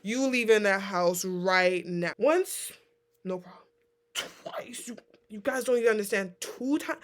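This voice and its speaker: A woman's voice: mid-range voice, a little slow. A woman hosting a reaction video, talking casually and exclaiming in disbelief. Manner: animated, exclaiming, incredulous.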